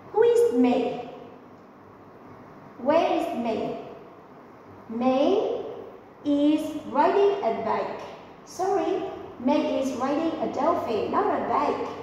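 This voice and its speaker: A woman's voice: high-pitched, darkish tone. A woman English teacher who patiently walks children through test answers, repeating phrases and correcting herself. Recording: echoey room, voice far from the mic, faint noise.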